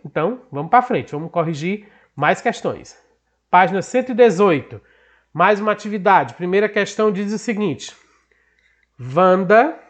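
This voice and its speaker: A man with a northeastern Brazilian accent, a teacher explaining a math lesson patiently, asking and answering his own questions. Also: high-pitched. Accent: Brazilian Portuguese, northeastern.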